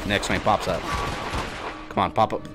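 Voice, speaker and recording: A man's voice: low voice, fairly even intonation, moderate pace. A man from Puerto Rico chatting casually and swearing while he streams a game. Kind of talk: live gameplay commentary. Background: game music and gunfire.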